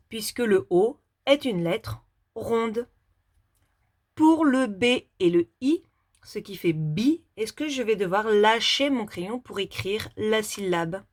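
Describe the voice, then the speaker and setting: A woman teaching young children handwriting, talking slowly step by step as she writes. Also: fairly high pitch. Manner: slow, step-by-step demonstration while writing.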